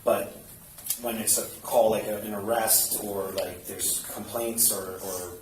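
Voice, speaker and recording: A man's voice: lowish voice, fairly even intonation, unhurried. A man working as a police officer, casually walking a colleague through a task step by step and often checking with "right?". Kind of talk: casual hands-on instruction. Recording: roomy, noisy, distant body camera pickup.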